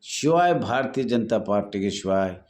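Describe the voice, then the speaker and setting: A man's voice: lowish voice, animated, normal speed, darkish tone. Earnest man pleading with supporters. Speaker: home guard association leader. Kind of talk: addressing supporters in a live online talk. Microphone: phone.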